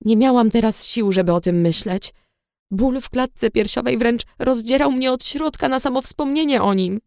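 A woman reading a novel aloud in first person, in a subdued, low-key storytelling manner. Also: moderate pace, darkish tone, no echo, studio quality. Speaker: audiobook reader. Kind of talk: first-person scripted narration.

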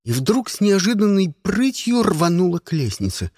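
Wry man narrating lively in first person. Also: sits high, moderate pace, no room sound, clean studio sound. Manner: wry, sardonic storytelling. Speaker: audiobook narrator.

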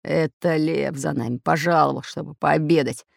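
Gravelly storybook pirate captain, scolding; woman narrator voicing him. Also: low-pitched, brisk, dry recording, studio quality, voice pushed down. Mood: grumbling. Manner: snarling, scolding. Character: gruff angry red-bearded pirate captain. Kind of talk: audiobook character voice.

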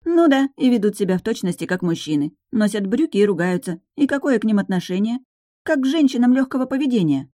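A woman's voice: on the high side, lively intonation, quick pace, mellow, no echo, studio quality, voice pushed up, natural voice. A woman voicing a fussy, traditional young witch student who speaks emphatically. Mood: emphatic. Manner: indignant, emphatic. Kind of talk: audiobook narration.

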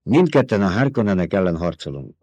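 A man's voice: sits low, very animated, warm tone, husky, no room sound, highs cut off, exaggerated voice. A man reading an audiobook, voicing a wary, hardened older war counselor who speaks guardedly and curtly. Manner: guarded, curt.

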